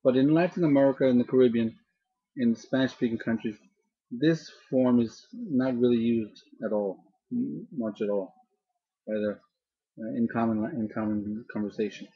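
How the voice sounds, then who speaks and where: A man teaching a grammar lesson slowly and patiently, often repeating and restarting his phrases. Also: mid-range voice, slightly rough. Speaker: language teacher. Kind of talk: slow, deliberate grammar lesson. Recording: dull lo-fi recording.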